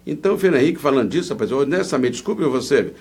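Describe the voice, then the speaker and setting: A man's voice: medium pitch, expressive, rapid-fire, darkish tone, breathy edge. Casting: male political candidate with Brazilian Portuguese accent, mid-range voice, fired-up and indignant, rambling emphatically through interview answers.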